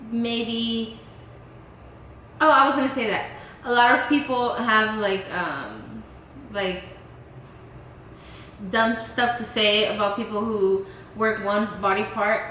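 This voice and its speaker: A woman's voice: a little high, pushed and bright, a little hiss or hum. A woman in her twenties hosting a casual Q&A vlog, chatting loosely with lots of "um" and "like". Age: 20s. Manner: casual, many fillers like "um" and "like". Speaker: vlog host. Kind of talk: casual Q&A chat. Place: indoor lounge room. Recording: echoey room.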